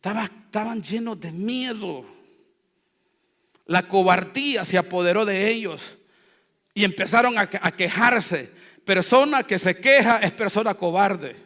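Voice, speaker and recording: A male pastor with a high, bright, ringing voice delivers a fervent sermon, calling on the congregation to repeat after him. His preaching rises from low asides to loud exhortation, and the sound carries a long reverb from the church hall. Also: unhurried. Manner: exhorting, call-and-response with the congregation. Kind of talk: Spanish-language church sermon. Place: church sanctuary.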